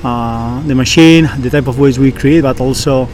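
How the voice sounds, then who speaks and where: A man from the Basque Country, Spain, a professional surfer and engineer, answers interview questions conversationally with a Basque accent. His phrasing is hesitant and halting, with frequent searching pauses. His mid-range voice is a little mellow, with a little hiss or hum in the audio.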